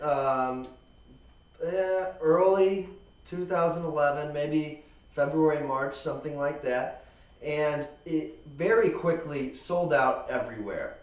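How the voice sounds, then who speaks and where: A man co-hosting a casual outdoor gear review, explaining in a relaxed way with plenty of fillers. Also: mid-range voice. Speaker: co-host. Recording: roomy echo, far from mic.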